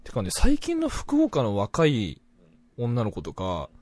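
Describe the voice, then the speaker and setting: A young man from Fukuoka with a Hakata accent, chatting casually as a podcast co-host, jumping between loud bursts and mumbled asides. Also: mid-range voice, wildly swooping pitch, slow pace. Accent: Hakata dialect. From Fukuoka, Japan. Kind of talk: casual chat.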